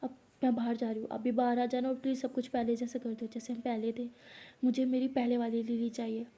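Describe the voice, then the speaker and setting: A clingy, remorseful young college woman, voiced by a woman reading a story, pleading in a soft, hushed way. The voice is husky and dark, sitting a little high. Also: flat delivery, brisk, natural voice. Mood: coaxing.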